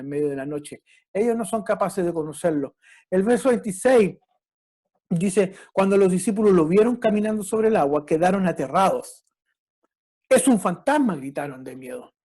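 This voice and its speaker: A reflective preacher delivering a sermon at a mid-range pitch, neither high nor low. The delivery is measured and halting, with restarts, and the preacher keeps checking in with the listeners through tag questions. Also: darkish tone.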